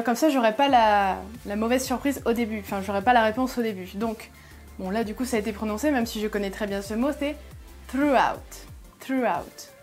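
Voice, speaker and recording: Woman explaining English pronunciation. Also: on the high side. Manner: thinks aloud while sounding out words. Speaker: host of an English-learning channel. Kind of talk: reaction video commentary.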